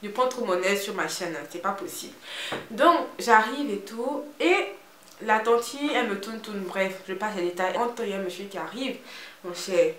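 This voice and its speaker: A woman's voice: medium pitch, normal speed, a bit bright. A young woman from Côte d'Ivoire speaking with an Ivorian French accent, chatting frankly and animatedly to viewers in a beauty vlog. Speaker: beauty vlogger. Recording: roomy echo with faint hiss.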